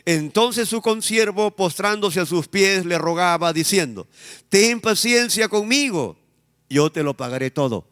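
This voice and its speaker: A man's voice: high-pitched, lively intonation, unhurried, a bit bright, clear, resonant tone, big-room sound. A man with a Peruvian Spanish accent preaching a sermon as pastor, emphatic, drawing out his phrases and calling on the congregation to repeat after him.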